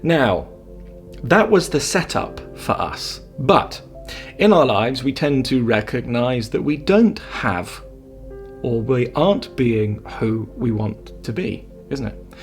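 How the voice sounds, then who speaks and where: Rambling spiritual coach. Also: male voice, medium pitch, slow, faint music behind. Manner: rambling, lively delivery with tag questions and asides. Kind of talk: casual talk to camera.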